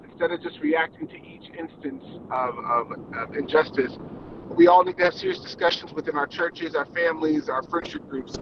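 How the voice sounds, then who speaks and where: A man's voice: a little high, muffled recording. A man joining a discussion call from a moving car, his audio breaking up and cutting in and out as he speaks earnestly. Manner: earnest, measured, repeats words as he restarts. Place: in a car driving through the countryside. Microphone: phone or video call from a car. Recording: distant, broken-up call with road and vehicle noise.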